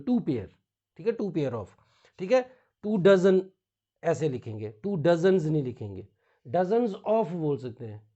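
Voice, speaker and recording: A man with an Indian accent teaching English grammar in a classroom, explaining slowly in Hindi mixed with English and spelling words out. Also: high voice, mellow, lo-fi sound.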